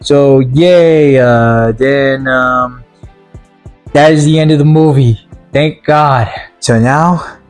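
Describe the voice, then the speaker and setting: A young man casually reviews a movie based on a video game, rambling bluntly and using lots of filler words. His mid-range voice moves slowly and sounds tired and worn out, with soft music playing in the background.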